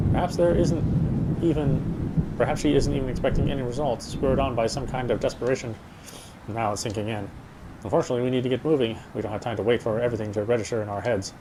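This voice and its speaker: Loud game music plays beneath this very noisy recording of a man reading a game aloud. As a let's player, he dramatizes visual novel narration and trips over the odd word. His voice is mid-range.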